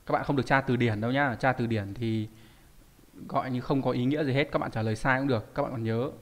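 A man's voice: mid-range voice, steady tone, fast talker. A man teaching a live online language class, reading out student answers and asking the class frequent rhetorical questions. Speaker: Japanese teacher. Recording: long hall reverb.

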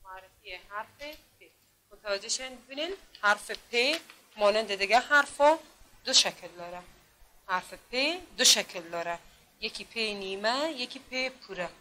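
A woman's voice: medium pitch, pushed and bright, slight background noise. A woman from Afghanistan teaching adults to read in a classroom, patiently drilling them with repeated questions. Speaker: literacy teacher.

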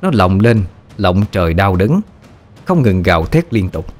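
A man narrating a ghost story in a steady, dramatic way. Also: low-pitched, a little slow, faint music behind.

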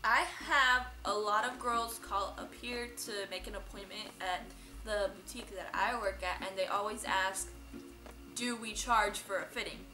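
A young adult woman who works at a boutique hosts a vlog inside a dress shop, chatting informally while explaining advice. Her mid-range voice is pushed and bright at a moderate pace. The camera is a few metres away, giving a roomy sound, with faint music behind.

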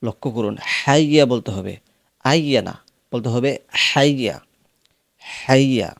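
A man with a Bangladeshi accent teaching how to pronounce the call to prayer, explaining the rules plainly and then chanting long, drawn-out phrases as examples. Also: mid-range voice, creaky, no echo, clean studio sound. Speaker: azan teacher. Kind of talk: instructional teaching with sung demonstrations.

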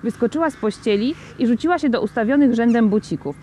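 A woman reading a children's novel aloud with lively, expressive storytelling. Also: on the high side, fast talker, slight background noise. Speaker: reader.

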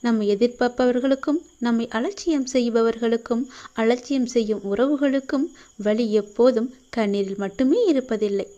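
A woman gives a devotional message in a gentle, reassuring voice, speaking straight to the listener as if in a deity's own words. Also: fairly high pitch, normal speed, lo-fi sound.

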